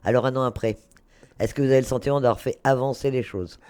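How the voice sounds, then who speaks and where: Fast-talking male radio interviewer. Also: medium pitch, steady tone, darkish tone, clear, resonant tone, no echo. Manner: brisk, pointed questions, interjects often. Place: radio studio.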